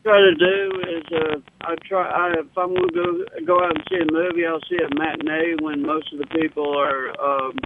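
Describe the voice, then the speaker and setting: Guy calling in to a radio show, high gravelly voice, hiss on a tinny phone line. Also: lively intonation. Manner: halting, many fillers and restarts. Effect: phone line call-in. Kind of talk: casual call-in chat.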